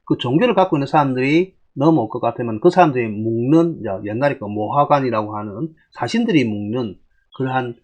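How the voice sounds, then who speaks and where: A middle-aged male teacher lecturing on old characters, his husky voice rising and falling widely as he explains. He keeps prompting listeners with rhetorical questions and steady explanatory asides. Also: medium pitch, fast. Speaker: classical Chinese teacher. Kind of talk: lecture on classical texts.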